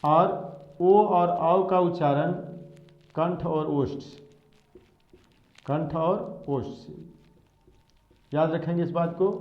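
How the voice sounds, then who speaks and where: A man teaching a Hindi grammar lesson, going over each point slowly and repeating it as a drill. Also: on the high side. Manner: slow, repetitive drilling of points. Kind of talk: classroom lesson. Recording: echoey room, dull lo-fi sound.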